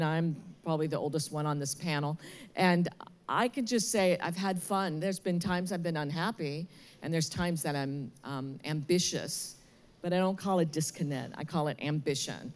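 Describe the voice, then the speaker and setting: A woman's voice: low-pitched, normal speed. A middle-aged woman on a panel speaking candidly and upbeat into a handheld mic. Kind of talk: panel discussion. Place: large atrium stage with audience.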